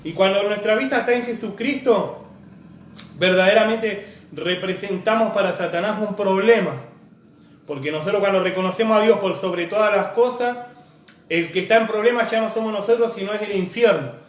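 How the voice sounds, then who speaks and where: A man preaches at a moderate pace, his high-for-a-man voice ringing through a reverberant church room over a slight hiss or hum. Earnestly, he weaves personal testimony into the sermon, stacking repeated phrases and lists.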